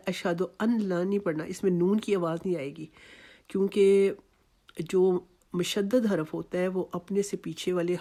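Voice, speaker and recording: A woman with a Pakistani Urdu accent teaching Quran recitation, patiently repeating words slowly and syllable by syllable. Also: lowish voice, warm tone. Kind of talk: tajweed lesson.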